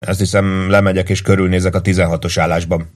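Man doing a dry, deep-voiced army officer. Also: little pitch movement, natural voice. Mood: offhand.

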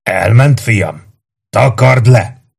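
A man voicing a gentle, fatherly old warrior in an audiobook, calm and soothing. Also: medium pitch, gravelly, husky, exaggerated voice.

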